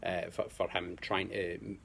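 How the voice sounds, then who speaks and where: A man with a Scottish accent, a guest pundit in a casual football chat, talking in a measured way and repeating words as he finds his point. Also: deep voice, level tone, creaky, fairly bright tone, breathy edge.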